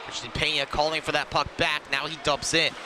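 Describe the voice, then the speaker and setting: A man's voice: on the high side, flat delivery, fairly quick. A man giving live ice hockey commentary in clipped phrases that follow the play. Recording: noisy rink ambience around the mic.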